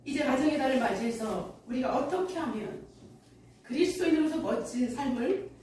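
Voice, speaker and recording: A woman's voice: high voice, normal speed, darkish tone, a little hiss or hum. A woman pastor preaching a sermon earnestly and telling a story, recorded in a church sanctuary from a distance. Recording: echoey church hall from afar.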